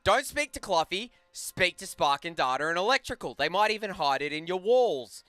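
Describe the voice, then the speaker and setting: Bright, chatty man commentating hockey. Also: high-pitched, animated, normal speed, no echo, faint music behind. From Australia. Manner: chatty, banters and laughs often. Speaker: play-by-play commentator. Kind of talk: joking live hockey commentary.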